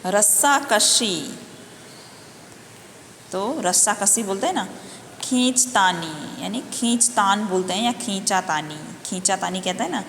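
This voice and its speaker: A woman's voice: mid-range voice, gravelly, a bit bright. A woman teaching a Hindi lesson to young children, patiently spelling out and repeating each word. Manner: slow, patient, spelling words out and repeating them. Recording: echoey room, faint background noise.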